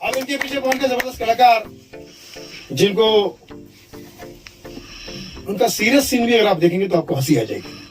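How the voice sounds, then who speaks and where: A man doing live stand-up comedy with brisk joking patter. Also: high-pitched, expressive, over music.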